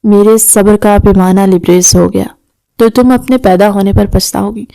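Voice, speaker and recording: A woman doing a gruff, short-tempered kidnapper. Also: medium pitch, steady tone, dark tone, dry recording, lightly acted. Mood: irritated. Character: gruff irritable male kidnapper, grown man.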